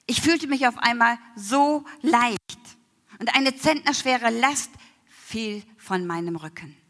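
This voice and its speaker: Woman, bright tense tone, emotional testimony, slow hushed passages, reverberant church hall. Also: a little high. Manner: emotional, slows down and drops to near whispers. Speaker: church member giving testimony. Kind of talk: personal faith testimony.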